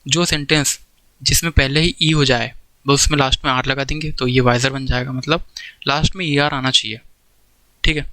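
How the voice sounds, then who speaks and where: A man with a mid-range, pushed and bright voice speaks at normal speed with a steady tone, in a dry, rough recording. He delivers a classroom grammar lecture with examples, explaining step by step and frequently checking understanding with "theek hai".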